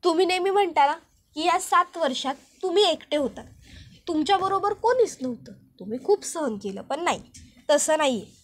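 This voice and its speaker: A woman acting a tipsy young wife, high and loud, ranting stubbornly. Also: normal speed, slight background noise, lightly acted. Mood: shouting defiant. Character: drunk young wife, defiant and rambling.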